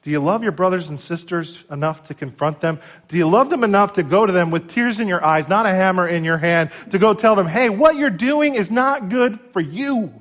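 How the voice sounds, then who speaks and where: A man preaching a sermon in an emphatic, exhorting manner with repeated phrases, swinging between quiet asides and loud exclamations. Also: sits high, expressive, a little fast, hardly any pauses.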